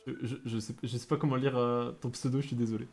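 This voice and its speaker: A man's voice: mid-range voice, level tone, fast, darkish tone. A young man from Bordeaux, a Japanese teacher, gives a casual livestream lesson in a chatty, hesitant way with many fillers. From Bordeaux, France.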